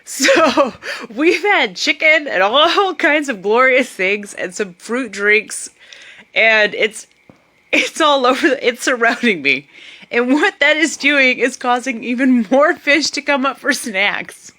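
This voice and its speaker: A woman's voice: sits high, slow pace. A young woman animatedly telling a comic travel story to her camera. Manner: animated, puts on voices for others. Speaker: vlogger. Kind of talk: casual storytelling.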